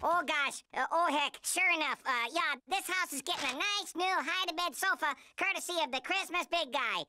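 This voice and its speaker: An actor voicing a scrappy, chirpy cartoon woodpecker with a folksy way of talking. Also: male voice, extremely high pitch, normal speed, very noisy. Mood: folksy, cheerful. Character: wacky male cartoon woodpecker, cheerful, scrappy fast-talker. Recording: music behind the voice.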